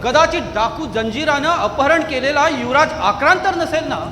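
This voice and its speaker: An actor playing a loyal royal courtier who speaks in a deferential, anxious way in a musical stage drama. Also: male voice, extremely high pitch, animated, normal speed, pushed and bright, slight background noise, heavily acted. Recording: echoey hall, long reverb.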